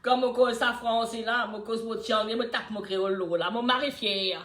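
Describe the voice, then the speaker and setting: An older woman with a Mauritian accent, hosting a casual live chat and telling stories in a lively way, swinging between loud and soft talk. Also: fairly high pitch, moderate pace. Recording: roomy echo.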